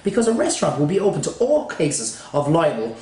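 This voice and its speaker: A man's voice: a little high, big pitch swings, fairly quick, dark tone. A man playing a passionate restaurateur arguing his case emphatically. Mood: insistent. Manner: emphatic, insistent argument. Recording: echoey room, voice set far off.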